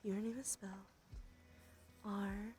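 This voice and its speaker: A female streamer hosts a chatty, soft-spoken ASMR livestream close to the mic, with music playing behind her. Her medium-pitched voice shows little pitch movement, and she speaks slowly and unhurriedly, often drifting into a breathy whisper with creaky fry.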